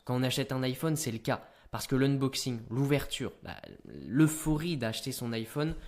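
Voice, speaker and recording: A teenage man giving business advice straight to camera in an energetic, punchy way. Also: medium pitch. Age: teens.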